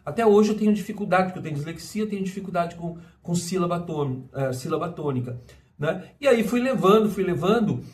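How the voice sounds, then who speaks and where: A man's voice: high voice, lively intonation, a little fast. A middle-aged Brazilian man talking casually to camera, rambling with many restarts and tag questions. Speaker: vlogger. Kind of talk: casual personal monologue.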